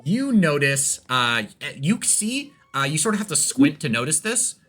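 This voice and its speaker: A man narrating as game master of a tabletop game, halting with many restarts. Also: on the high side, sing-song, fairly bright tone, faint music behind.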